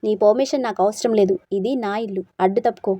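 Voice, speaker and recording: A woman's voice: mid-range voice, fast talker, dry recording, natural voice. A woman reading a story aloud, voicing a bewildered, hot-tempered young husband who snaps defensively. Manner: sharp, defensive.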